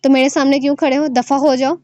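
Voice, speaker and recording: A woman's voice: high voice, steady tone, fast talker, warm tone, dry recording, muffled recording, lightly acted. A woman voicing a cold, irritable young man who speaks curtly. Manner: curt, cold.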